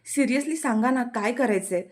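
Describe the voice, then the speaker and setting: A woman's voice: fairly high pitch, normal speed, darkish tone, natural voice. An old grandmother presses her family to get serious and choose a plan, voiced by a woman narrator. She sounds practical and a little impatient. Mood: urging. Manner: urging, practical. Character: older grandmother, head of family.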